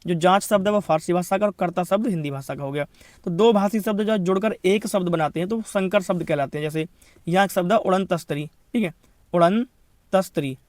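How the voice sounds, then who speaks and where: A man with a high voice, recorded without echo, teaches Hindi grammar for exam prep. He rattles off word lists quickly and keeps checking in with "thik hai."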